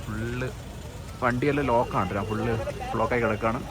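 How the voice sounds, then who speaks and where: A man's voice: mid-range voice, fairly even intonation, quick pace. A man with a Malayali accent gives casual, exclamatory travel vlog commentary, often repeating short phrases. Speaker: travel vlogger. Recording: noisy location audio with ambient din.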